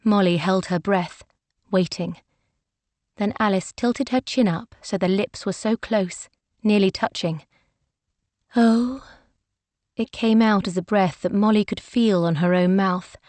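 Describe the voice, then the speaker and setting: Woman narrator for a romance audiobook, measured, mid pitch, dry close sound. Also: darkish tone, no room sound. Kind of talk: scripted narration.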